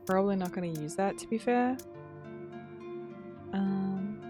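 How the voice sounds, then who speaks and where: Woman, game streamer, casual live commentary, chatty, slightly sleepy, medium pitch. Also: over music. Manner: chatty, talks to viewers, drawn-out greetings. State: a little sleepy.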